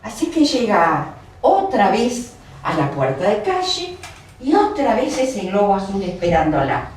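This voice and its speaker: A woman telling a story An Argentine woman tells a story aloud in a lively voice that climbs and falls. She takes her time over the words. She sounds far from the mic in an echoey room with faint noise. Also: medium pitch. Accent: Argentine Spanish. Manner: lively, expressive, slows for effect. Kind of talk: live oral storytelling. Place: museum house room with audience.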